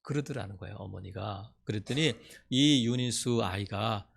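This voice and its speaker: A male pastor preaching a sermon with passion, acting out the voices in his stories and building to loud, emphatic peaks. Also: on the low side, moderate pace, creaky, husky. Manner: acts out quoted voices in storytelling.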